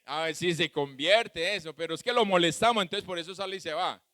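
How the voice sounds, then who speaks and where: A male pastor preaching a sermon with a Colombian Spanish accent, swinging between loud shouts and soft asides. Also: sits high, a little fast, dry recording.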